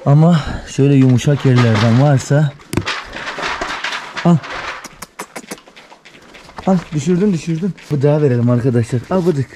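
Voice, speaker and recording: A man doing casual vlog commentary, talking excitedly to puppies as he feeds them. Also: mid-range voice, moderate pace, long pauses, noisy background. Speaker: vlogger.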